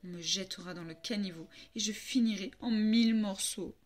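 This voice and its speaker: A French woman reading a children's story aloud, narrating as a timid harp in a playful, expressive way. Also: mid-range voice, moderate pace.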